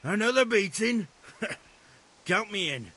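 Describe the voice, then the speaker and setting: An actor playing a defiant, hot-headed young village troublemaker in a video game, with a rough-edged voice. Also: male voice, sits high, lively intonation, slow pace, bright, forceful tone, exaggerated voice. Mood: defiant, careless.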